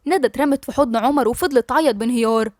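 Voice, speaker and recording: An Egyptian woman reading a novel aloud in a brisk, friendly manner as host of her story channel. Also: on the high side, a little mellow, no room sound, studio quality.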